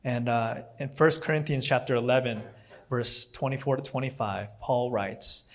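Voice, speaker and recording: With a steady tone and moderate pace, a mid-range male voice preaches a casual sermon in non-native English. The delivery is rambling and self-correcting, peppered with fillers and fresh starts.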